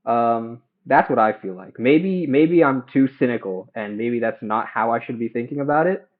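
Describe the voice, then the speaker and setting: A young man chatting casually and haltingly while cooking at home, livestreaming through headphones used as a mic. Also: mid-range voice, phone-quality sound. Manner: hesitant, halting, self-questioning. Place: home kitchen. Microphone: headphones used as a phone mic.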